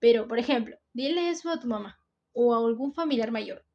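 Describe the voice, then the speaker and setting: Higher-pitched Peruvian teen girl explaining. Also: animated, fairly quick, dull audio. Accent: Peruvian coastal Spanish. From Peru. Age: teens. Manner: explains step by step, often says "entonces". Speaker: student presenter. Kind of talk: school explainer video.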